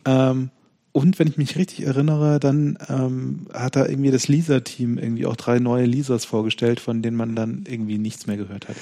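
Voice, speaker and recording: A man chats casually on a podcast, pausing often and restarting his sentences as he works out what to say. His voice has a gravelly edge and a dark, mellow tone. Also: mid-range voice, flat delivery. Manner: hesitant, many fillers and restarts, thinking aloud. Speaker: podcast co-host. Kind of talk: casual chat.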